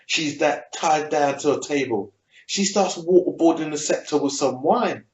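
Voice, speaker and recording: A man with a South London accent, hosting a casual TV review and retelling scenes in an animated, sweary, slang-heavy way. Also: a little high, normal speed. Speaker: TV review show host. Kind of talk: casual TV recap chat. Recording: roomy dull lo-fi room sound.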